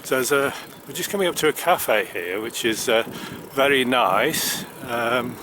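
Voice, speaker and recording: A Welshman with a mid-range, animated voice narrates a casual vlog while cycling, speaking unhurriedly and rambling with many hesitations, yet staying chatty and polite. He records outdoors by a road and in a country park on a handheld camera mic that's partly taped over, so traffic and wind noise come through.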